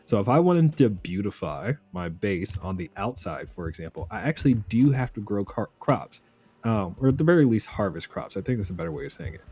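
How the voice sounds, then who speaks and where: A man giving relaxed, chatty live commentary while streaming a survival game, laughing often. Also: fairly low pitch, a little fast, slightly rough.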